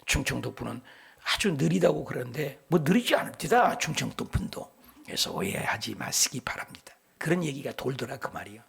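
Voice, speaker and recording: A middle-aged male pastor preaching a sermon, animated and joking, often dropping into emphatic whispers. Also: mid-range voice, fairly quick, creaky, breathy edge. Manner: tells folksy jokes between scripture points.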